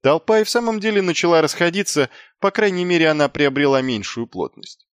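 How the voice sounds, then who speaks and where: A man narrating a fantasy audiobook in a lively, theatrical reading. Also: fairly high pitch, brisk, clean tone, dry recording, studio quality.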